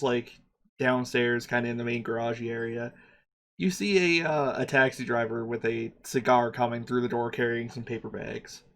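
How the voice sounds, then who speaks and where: Man game master, mid-pitched, casual, laid-back, swears freely. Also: fairly bright tone. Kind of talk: narrating a tabletop game.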